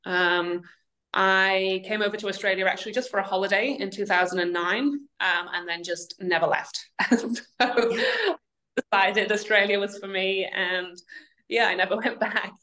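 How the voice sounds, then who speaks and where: A woman's voice: mid-range voice, fairly even intonation, moderate pace, sharp tone, poor audio. A woman, chatting as a guest on a podcast interview and laughing between remarks. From Wales. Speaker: guest equine nutrition specialist.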